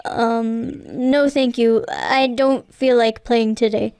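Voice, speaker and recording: A woman's voice: fairly high pitch, fairly even intonation, slow pace, darkish tone, smooth, no room sound. A woman voicing a shy, downcast young schoolboy in a children's cartoon, hesitant and meek. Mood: reluctant. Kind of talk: children's educational cartoon acting.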